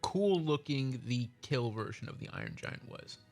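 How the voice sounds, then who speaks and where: A man's voice: mid-range voice, expressive, normal speed, soft background music. A man co-hosting a podcast in casual chat, rambling and correcting himself as he goes. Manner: rambling, restarts, self-correcting. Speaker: podcast co-host.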